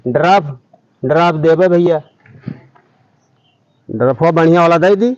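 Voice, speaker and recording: A man's voice: fairly high pitch, a little slow, darkish tone. Breezy Awadhi man, muffled lo-fi sound. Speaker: fake doctor in a comedy sketch. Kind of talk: rustic Awadhi comedy skit.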